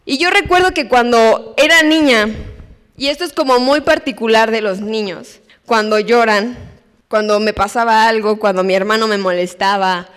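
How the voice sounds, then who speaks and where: High-voiced woman preaching in a hall. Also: normal speed, smooth. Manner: expressive, acts out voices in her stories. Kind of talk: sermon. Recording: long hall reverb.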